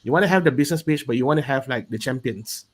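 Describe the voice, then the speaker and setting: A man's voice: medium pitch, rapid-fire. A man with a Malaysian accent giving a casual explanation as a panel guest, often checking in with a "right?". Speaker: panel guest, business coach.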